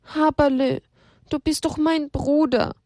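A woman's voice: high-pitched, fairly even intonation, takes it slowly, dry recording, studio quality, voice pushed up. A woman voicing a tearful, pleading young animal in a storybook tale.

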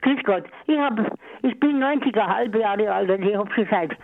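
An older woman, calling in to a radio show, speaking haltingly and repeating her words. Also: mid-range voice. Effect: caller heard over a phone line on the radio. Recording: tinny phone line.

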